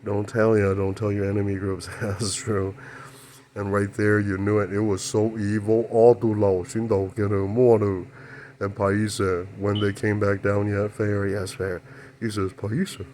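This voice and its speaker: A man talks in a low, flat, unvaried voice, in a rambling monologue made of broken phrases. He keeps affirming his own points as he goes. Faint noise hums underneath. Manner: repetitive, keeps affirming himself with "yeah, that's true". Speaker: channel host.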